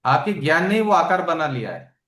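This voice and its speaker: A man giving a spiritual scripture lesson, explaining slowly and asking his listeners questions, with homely examples. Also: on the high side, sing-song, fairly bright tone, roomy sound. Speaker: spiritual teacher.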